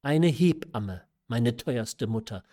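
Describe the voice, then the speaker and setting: A man's voice: medium pitch, lively intonation, slow, mellow. A man reading aloud who voices a desperate, pleading young noblewoman in a classic story. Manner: emotional, imploring. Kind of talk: audiobook reading of a classic novella.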